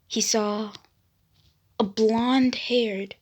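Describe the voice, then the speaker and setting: A woman's voice: on the high side, fairly even intonation, drawn-out words, slight background noise. A woman casually narrating a fan story, hesitant, with fillers and restarts.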